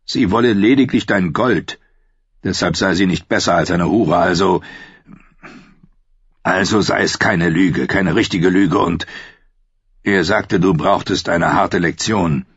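Guy doing a guilty knight, deep quiet husky voice, halting, dull dry sound. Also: dry recording, full character voice. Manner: subdued, halting, grave. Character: guilt-ridden male knight, grave brother.

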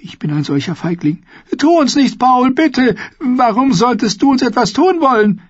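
A man voicing a fat, timid young man who is panicked and pleads in a shrill squeak. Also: animated, normal speed, a little mellow, husky, dry recording, lo-fi sound. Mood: desperate.

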